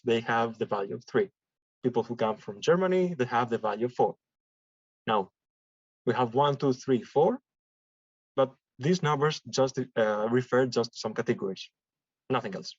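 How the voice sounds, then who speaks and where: A man's voice: medium pitch, no room sound. Man lecturing in class. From Greece. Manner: explains slowly with examples and repetition. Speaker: statistics lecturer. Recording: dull dry lecture recording.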